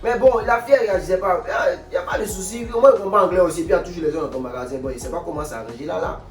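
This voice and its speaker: A young man tells a comic story time in an animated, exclamatory way. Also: high voice, very fast. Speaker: vlogger. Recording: echoey room, distant mic, faint music.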